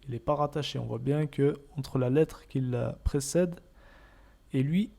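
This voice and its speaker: A man with a mid-range, creaky, warm voice teaches Arabic reading at a measured pace. He narrates the lesson step by step, patiently going over each point again and sounding out example letters.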